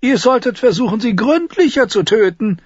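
A man voicing a quick-witted, sardonic dwarf nobleman, talking loud and teasing in a raised voice. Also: very high voice, lively intonation, slightly rough, no echo, highs cut off, pitched above the performer's own voice, heavily acted. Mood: scornful.

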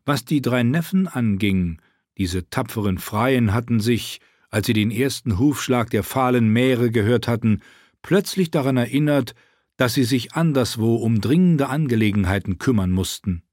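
A male narrator reads a fantasy novel in a steady, measured tone. His voice sits at an ordinary pitch. The recording is dry and close, with no room sound. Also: no room sound. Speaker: audiobook narrator. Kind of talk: scripted narration of fantasy fiction.

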